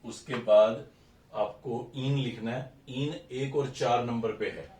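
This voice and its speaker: A man's voice: medium pitch, steady tone, slow pace, a little mellow, far from the mic, a little hiss or hum. A man teaching a recorded chemistry lesson, explaining step by step and counting carbons aloud while mixing English terms into Hindi. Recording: echoey room, voice a bit off-mic, faint ambience.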